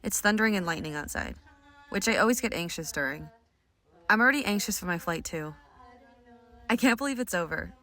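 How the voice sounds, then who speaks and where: A woman reading personal journal entries aloud in a quiet, subdued, confessional way. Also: medium pitch, animated, brisk, long pauses.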